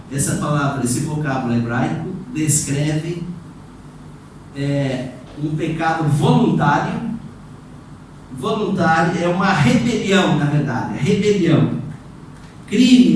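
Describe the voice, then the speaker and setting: A male pastor teaching a sermon, explaining slowly and often restarting his sentences. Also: a little high, darkish tone. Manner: explanatory, halting with many restarts and fillers. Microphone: room recording, setup just installed. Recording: echoey room, distant mic, faint noise.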